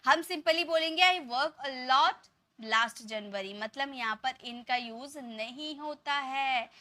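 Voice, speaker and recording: Woman English tutor, patient, repeats examples slowly; high, sharp, dry voice. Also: dry recording. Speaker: English teacher. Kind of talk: Hindi-language grammar lesson.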